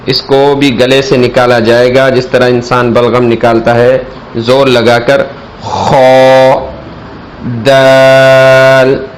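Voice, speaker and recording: A man with a medium-pitched voice gives a slow, instructional alphabet reading lesson, explaining each letter and carefully stretching out the sounds. The recording is low quality, with a slight hiss or hum.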